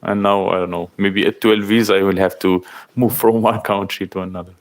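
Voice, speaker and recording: A man in his thirties from Algeria, chatting casually on a livestream, reading out and thanking viewers' comments in halting speech. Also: on the low side, steady tone. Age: 30s. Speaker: livestream host. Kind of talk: casual live-stream chat.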